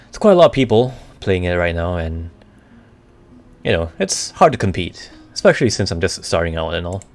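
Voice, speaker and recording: A man chatting casually on a live stream, answering questions in a halting way as he searches for the right words. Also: low-pitched, big pitch swings. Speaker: streamer, VTuber. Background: background music.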